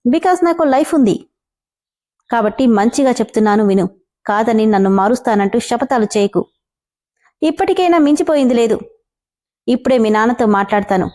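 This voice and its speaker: A woman's voice: on the high side, a little fast, mellow. A woman reading a romance story aloud, telling the dialogue of both lovers with feeling. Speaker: story narrator.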